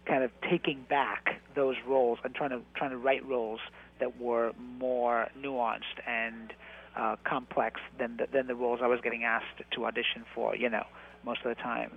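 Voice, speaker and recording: A man's voice: medium pitch, vocal fry, slightly rough. Man on a tinny radio line. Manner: halting, many restarts and fillers, animated when telling stories. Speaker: radio interview guest, actor and writer. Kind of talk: casual conversational interview.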